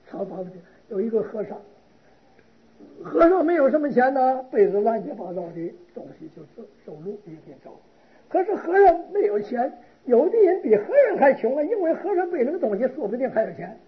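A man, a Buddhist monk, giving a dharma talk and telling a lively story. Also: extremely high pitch, muffled recording. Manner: lively storytelling, acts out characters.

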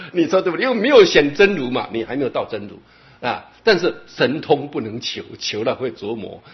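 Emphatic male Buddhist preacher. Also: mid-range voice. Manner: emphatic, keeps asking "right?". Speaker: Buddhist teacher. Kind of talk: sermon. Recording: dull lo-fi recording.

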